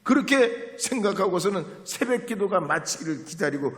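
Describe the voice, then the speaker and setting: A middle-aged male pastor preaching a sermon, switching from quiet asides to the congregation to loud, emphatic exclamations. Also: sits high, expressive, normal speed. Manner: chats with the congregation, asks them to repeat after him. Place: church sanctuary. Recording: long hall reverb in a church.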